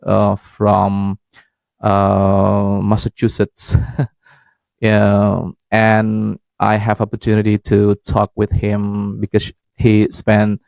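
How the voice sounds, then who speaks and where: A young man with an Indonesian accent talks in a low voice, halting and casual, with many fillers and restarts. The sound is dry and close, with no room around him. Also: completely flat delivery, vocal fry, darkish tone, no echo. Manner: hesitant, many fillers and restarts, laughs easily. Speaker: podcast host and English learner. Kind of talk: casual practice talk.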